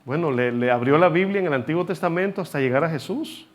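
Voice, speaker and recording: Man preaching in a fairly high voice. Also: animated, fast talker. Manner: teaching, asks the congregation to repeat words; rhetorical questions to the listeners. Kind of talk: sermon.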